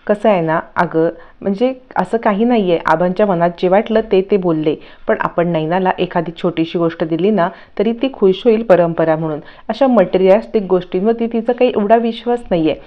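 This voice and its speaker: A woman voicing a calm, reassuring young man in a TV serial recap, speaking gently. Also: mid-range voice, fairly quick, few pauses, highs cut off, close to an everyday voice. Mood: soothing.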